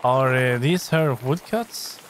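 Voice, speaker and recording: A man's voice: medium pitch, takes it slowly, a little hiss or hum, lightly acted. A man voicing a young male artist in a game who is shaken and weary, reading the lines aloud plainly.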